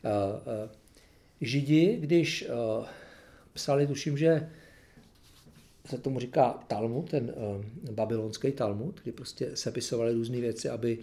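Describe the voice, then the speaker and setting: A man's voice: medium pitch, dark tone. A man reading a gospel passage aloud and then reflecting on it in a casual, hesitant way with many fillers. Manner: plain, unhurried reading, then searching, hesitant talk with fillers. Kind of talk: Bible reading followed by personal reflection.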